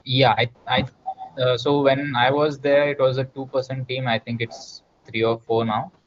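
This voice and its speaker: A man's voice: mid-range voice, little pitch movement, normal speed, slight background noise. A man from Bangalore with a Kannada Indian accent, chatting casually on an online call. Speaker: participant, performance marketer. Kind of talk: casual chat. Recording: dull lo-fi call audio.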